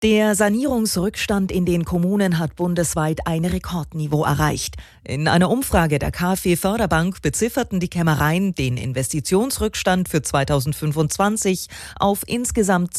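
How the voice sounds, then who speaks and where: Female radio newsreader, low and steady, dry studio sound. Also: no room sound. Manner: even, measured delivery. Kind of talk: scripted radio news reading.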